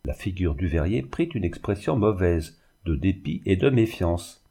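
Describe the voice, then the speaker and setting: A man narrating a classic novel in a measured, literary reading. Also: deep voice, expressive, creaky, mellow, slightly rough. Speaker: audiobook narrator. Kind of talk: scripted narration.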